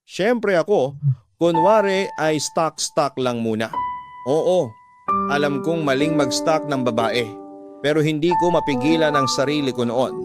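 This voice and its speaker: A man reading a listener's love story aloud in an earnest, confessional first-person narration. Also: medium pitch. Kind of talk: scripted narration. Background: music.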